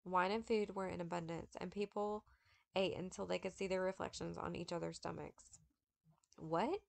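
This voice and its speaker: Lady reading a memoir out loud, steady pace, bit of fry in her voice. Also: fairly low pitch. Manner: steady, measured, with occasional slips. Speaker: audiobook reader. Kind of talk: memoir read aloud.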